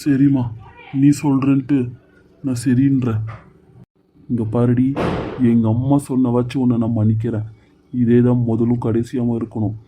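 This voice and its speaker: A man voicing a hot-tempered grown son and husband in a cartoon serial, gruff and commanding. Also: medium pitch, little pitch movement, normal speed, long pauses, warm tone, natural voice. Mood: angry. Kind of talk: Tamil cartoon serial voice acting.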